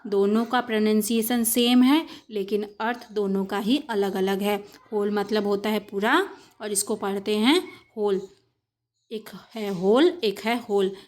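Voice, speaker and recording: Speaking Hindi, a young woman teaches English, reading sentences out very slowly and spelling each word one letter at a time. Her voice sits in the mid range.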